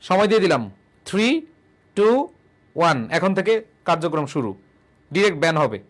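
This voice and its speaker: A man's voice: fairly high pitch, expressive, brisk. A young man gives a live online grammar lesson, repeating his own questions and answering them, and reading out viewer comments. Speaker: online English tutor.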